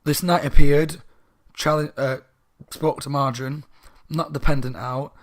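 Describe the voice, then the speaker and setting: A man's voice: on the high side, fairly even intonation, measured pace. A man giving a casual, slightly drunk book review, rambling and correcting himself. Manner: rambling, tipsy, self-correcting.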